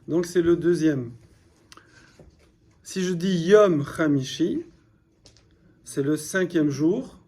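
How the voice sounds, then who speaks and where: This classroom lesson features a man whose warm, animated voice sits on the high side, delivered slowly with long pauses. He is teaching beginner Hebrew in French, patiently explaining, repeating important words, and asking his students "d'accord?" as he goes.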